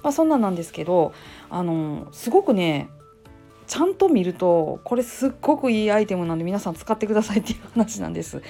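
A woman's voice: mid-range voice, fast talker, creaky, faint music behind. A woman nurse hosting her own channel, talking casually in a Kansai accent, chatty and full of fillers. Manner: chatty, lively, hedging with fillers. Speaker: nurse and temple priest's wife, channel host. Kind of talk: casual solo talk.

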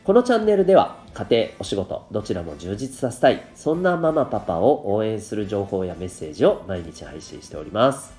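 A parenting coach speaks solo on his podcast, polite and explanatory, though his voice is stuffy and nasal from rhinitis and dust. Fairly low and warm, he sounds very animated, talking a little quickly with barely any pauses. The audio is echoey, with gentle music behind him.

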